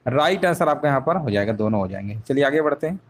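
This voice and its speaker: A man's voice: mid-range voice, expressive, fast. A man teaching a live online exam-prep class, explaining each answer step by step and often repeating himself with rhetorical questions.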